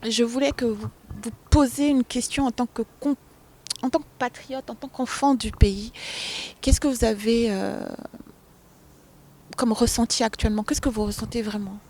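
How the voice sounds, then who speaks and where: A woman hosting an interview, asking questions in a measured, formal way. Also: on the high side, fairly even intonation, a little mellow. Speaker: interviewer, host.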